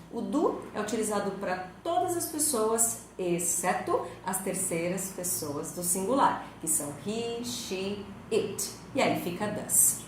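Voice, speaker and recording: A woman's voice: mid-range voice, darkish tone. Brazilian woman teaching English, echoey room. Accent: Brazilian Portuguese. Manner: explains grammar step by step, asks rhetorical questions. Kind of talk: recorded school lesson. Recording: very echoey room, faint noise.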